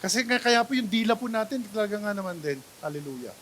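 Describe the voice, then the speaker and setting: This male pastor has a Filipino accent and a high-sitting, expressive voice, delivering his sermon quickly in a Tagalog-English mix. He alternates booming exclamations with hushed asides and frequently engages the congregation, over a slight hiss or hum.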